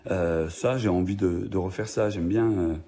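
A man's voice: low voice, normal speed, dark tone. A man with a Marseille accent, a journalist answering interview questions, often hesitating and restarting his sentences. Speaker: journalist guest.

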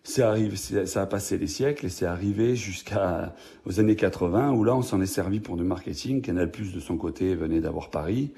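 A man's voice: deep voice, fairly quick, creaky, warm tone. A man with a Marseille accent, a journalist answering interview questions, often hesitating and restarting his sentences. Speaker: journalist guest.

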